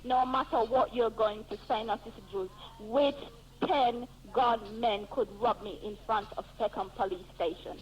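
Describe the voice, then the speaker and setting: Forceful woman radio caller. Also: a little high, fairly even intonation, normal speed, rough recording. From Jamaica. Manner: forceful, talks over the host. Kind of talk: phone-in call.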